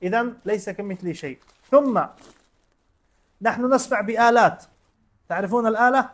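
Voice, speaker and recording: A man's voice: high voice, normal speed. A man teaching a religion class, explaining step by step with everyday examples and quizzing his students with short questions. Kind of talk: classroom lesson.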